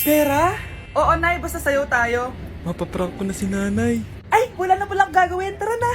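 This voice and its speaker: High-voiced woman acting comedy sketches. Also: big pitch swings, normal speed. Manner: playful voice-switching between mother and child. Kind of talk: acted comedy sketch playing many parts. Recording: music behind.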